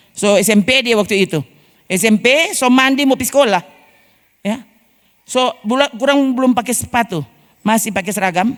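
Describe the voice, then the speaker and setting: A woman pastor with a Manado Malay accent, telling a personal testimony in a sermon and often addressing the congregation. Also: a little high. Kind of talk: storytelling sermon. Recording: long hall reverb.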